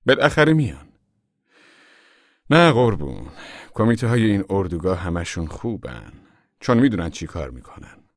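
A man's voice: sits low, big pitch swings, pauses often, no room sound, clean studio sound. Man doing a chatty friendly camp manager. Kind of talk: audiobook character voice.

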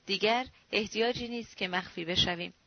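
A woman reads out a middle-aged man pleading with a frightened friend, pitying and insistent by turns. Her voice has a gravelly texture. The recording is dull and dry. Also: medium pitch, no echo, natural voice. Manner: pitying, soothing, sometimes roaring.

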